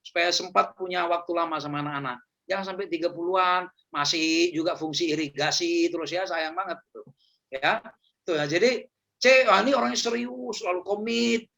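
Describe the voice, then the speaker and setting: A man's voice: sits high, gravelly, sharp tone. A man giving a casual, joking talk on personality types to church youth, repeating words and laughing often. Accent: Indonesian. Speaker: youth seminar speaker.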